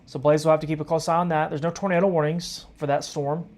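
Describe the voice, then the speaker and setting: A man's voice: fairly high pitch, flat delivery, fast talker, darkish tone. Tired man on live storm coverage. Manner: casual, chatty, addresses viewers as folks. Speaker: storm-tracking livestream host. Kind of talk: live weather commentary.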